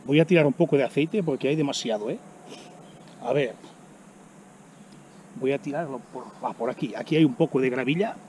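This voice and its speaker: A middle-aged man from chats to a camera set on the ground while he eats outdoors. His voice is mellow and relaxed, and he exclaims freely between bites. Faint insect buzz and outdoor hum sit behind him. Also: mid-range voice, moderate pace, long pauses. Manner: chatty, exclaims while eating. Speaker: vlogger. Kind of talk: casual outdoor vlog narration. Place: outdoors by a road in the woods. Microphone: camera on the ground in front.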